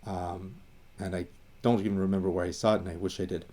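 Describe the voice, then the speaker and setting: Speaking quickly in a low, level, warm voice, an Iranian man explains language history in a relaxed way. He teaches about Assyrian language and identity. Fillers and restarts pepper his thinking-aloud style, and he dwells on the terms he defines.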